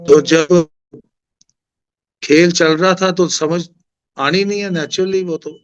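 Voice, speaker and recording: A middle-aged devotee from Punjab, India, with a Punjabi accent, speaks slowly in a high voice with fairly even intonation. He tells a devotional story at a satsang in a chatty way, acting out the lines people said. Soft music plays in the background.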